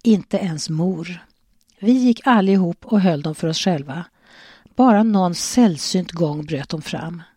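Brief: a woman doing a withdrawn husband in an audiobook, low, dark, dry read. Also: lively intonation, slightly rough, dry recording. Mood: subdued. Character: reserved adult husband, quiet, emotionally closed.

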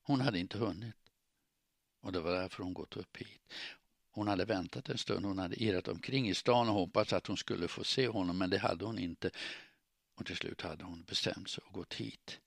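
A man reading a novel aloud as narrator, in measured, even storytelling. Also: deep voice, creaky, dry recording, clean studio sound. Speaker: audiobook narrator. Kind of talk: scripted narration.

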